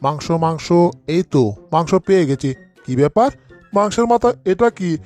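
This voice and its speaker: A performer voicing a grumpy male bulldog in a cartoon dub, with a gruff, blustering way of talking. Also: mid-range voice, animated, moderate pace, darkish tone, soft background music, close to an everyday voice. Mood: puzzled. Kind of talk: fan cartoon dubbing.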